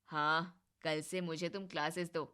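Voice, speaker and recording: A woman voicing a teasing young husband who scolds his wife, in a low, mock-sulky put-on voice. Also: little pitch movement, a little slow, pushed and bright, clear, resonant tone.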